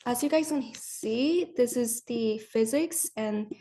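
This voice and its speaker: A young woman from Vietnam talks through a campus tour, pausing often on fillers. Her voice sits a little high with a mellow, warm tone. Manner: hesitant, many "um" and "like". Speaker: student tour guide. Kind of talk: informal campus tour narration.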